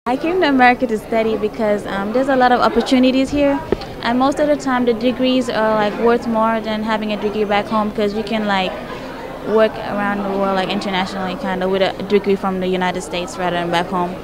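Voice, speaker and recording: A woman's voice: medium pitch, a little fast. A woman, an international student, answering interview questions relaxedly with frequent "like". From The Gambia. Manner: relaxed, filler-laden phrasing with "like". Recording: outdoor crowd noise behind.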